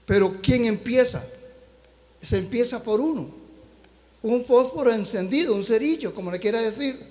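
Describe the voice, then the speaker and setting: A man preaching in a church with a strikingly high voice that rings out with long reverb. He tells his testimony with fervent, storytelling passion and keeps turning to the congregation as brothers and sisters. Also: normal speed. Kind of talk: sermon with personal testimony. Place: church sanctuary.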